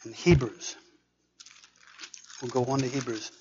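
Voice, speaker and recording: A man preaching a sermon as pastor, earnestly reading scripture aloud with pauses. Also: medium pitch, steady tone, a little mellow, slight background noise. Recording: dull recording with long reverb.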